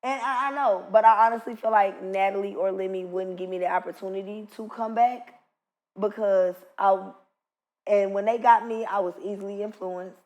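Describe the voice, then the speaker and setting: A woman's voice: mid-range voice, fairly even intonation, moderate pace, a little mellow. A woman in her mid thirties, talking in a candid, blunt and reflective way as a guest in a casual podcast chat. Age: 30s.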